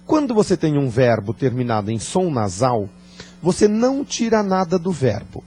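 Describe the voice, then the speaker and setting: A man teaching a grammar lesson, talking deliberately, joking and quizzing his class. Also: a little high, big pitch swings, mellow, breathy edge, faint music behind. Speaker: Portuguese teacher.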